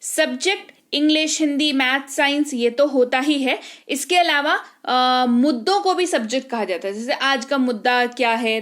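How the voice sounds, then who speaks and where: A woman's voice: high-pitched, fairly bright tone. A woman teaching English vocabulary, explaining each word patiently and checking that the listener follows. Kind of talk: vocabulary lesson.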